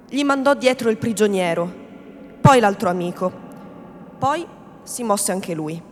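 A woman reading a classic novel aloud in a measured, theatrical storytelling manner. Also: medium pitch, animated, a little mellow. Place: reading event in a hall. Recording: long hall reverb, faint background noise.

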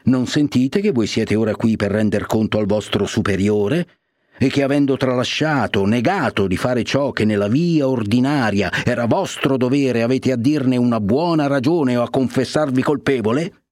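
A man reading aloud plays a dignified elderly cardinal in a storybook reading, speaking with solemn, measured weight. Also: medium pitch, darkish tone, no room sound, clean studio sound, pitched above the performer's own voice, close to an everyday voice. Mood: stern.

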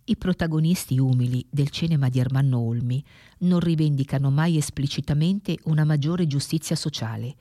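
Measured, reflective film narrator, mellow tone. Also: medium pitch, no echo, clean studio sound. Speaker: film commentator. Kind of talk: scripted narration.

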